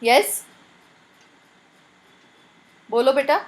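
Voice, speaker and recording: A woman's voice: high voice, extremely slow, a little hiss or hum, poor audio. A woman teacher with an Indian accent, giving a live online biology class and spelling out terms letter by letter.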